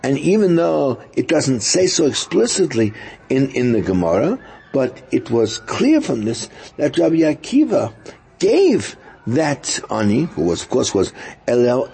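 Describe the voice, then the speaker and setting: Male rabbi for a scripture lecture; mellow but creaky, husky tone, explains haltingly and repeats key phrases. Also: medium pitch, a little hiss or hum. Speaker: rabbi giving a Torah lesson. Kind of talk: religious lecture, explaining texts.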